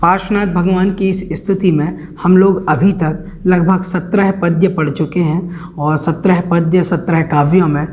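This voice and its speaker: A man teaching a recorded scripture lesson, explaining the text slowly and repeating words to show how they are pronounced. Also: sits high, steady tone, a little mellow. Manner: slow, careful, repeats words for pronunciation. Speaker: religious teacher.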